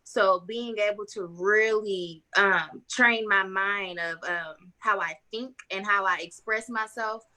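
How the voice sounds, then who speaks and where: A woman's voice: medium pitch, slow pace, hardly any pauses, pushed and bright. A woman poet speaking candidly and reflectively on a panel, earnest and self-examining.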